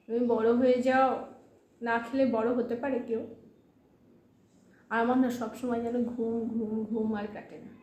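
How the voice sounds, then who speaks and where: A woman's voice: on the high side, flat delivery, measured pace, long pauses, darkish tone, reverberant. A woman chatting casually in a home vlog, urging a child to hurry while talking to her viewers. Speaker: vlogger and mother.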